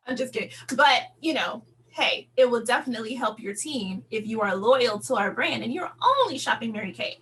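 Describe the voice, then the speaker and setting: A woman with a slightly high, somewhat bright voice rallies her team as sales director, speaking emphatically, conversationally and encouragingly on a call. Noticeable background noise and a hum run under the recording.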